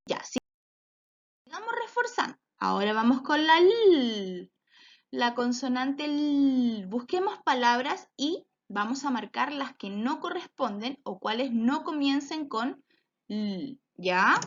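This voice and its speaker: A high-voiced woman leads a children's phonics lesson. She stretches out every word very slowly and praises often. The recording sounds dull and lo-fi. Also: very animated. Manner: slow, drawn-out words for children, encouraging praise. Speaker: teacher.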